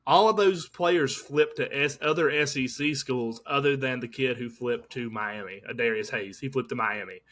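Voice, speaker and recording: A young man co-hosting a casual sports podcast, his voice bright and forward. He is laid-back and jokey, and he drawls his way through names he finds funny. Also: medium pitch, normal speed, few pauses. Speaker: podcast co-host.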